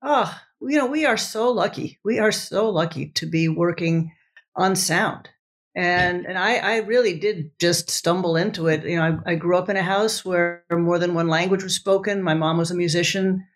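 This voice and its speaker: A woman with a lowish voice, a professor whose first language is Italian, appears as a guest on a podcast interview. She sounds enthusiastic but halting, restarting her sentences often.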